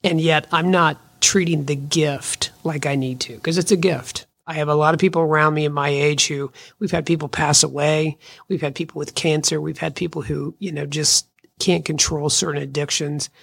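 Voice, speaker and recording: Gravelly-voiced woman in her fifties hosting. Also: deep voice, fairly even intonation, normal speed. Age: 50s. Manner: earnest, encouraging, conversational. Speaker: podcast host. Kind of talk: solo podcast talk.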